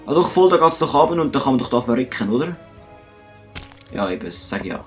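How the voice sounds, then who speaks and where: A let's play host from Switzerland narrates his gameplay in a Swiss German accent, chatting to himself and viewers and joking about his own mistakes. He's very animated, speaks quickly at medium pitch, and faint music plays behind him.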